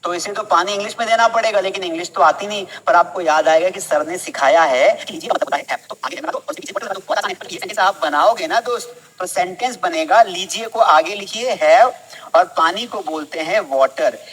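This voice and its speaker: A man's voice: sits high, fairly quick, a bit bright, slightly rough, big-room sound, rough recording. A man with an Indian accent teaching a live spoken English class in a chatty way. He keeps asking the class questions and then answers them himself.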